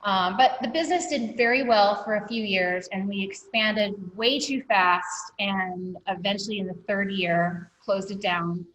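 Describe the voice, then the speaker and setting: A woman's voice: mid-range voice, unhurried, few pauses, fairly bright tone, poor audio. A woman guest on an interview podcast, telling her story candidly with many ums and a catch of emotion in her voice. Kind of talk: reflective personal storytelling.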